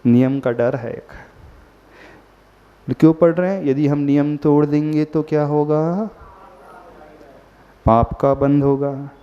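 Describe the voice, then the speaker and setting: A man's voice: fairly high pitch, fairly even intonation, slow pace, long pauses, smooth. A man, a Jain monk, giving a sermon and often asking the listeners questions. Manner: questions the listeners often and mixes in English words. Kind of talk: sermon to a gathered audience. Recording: long hall reverb, dull lo-fi sound.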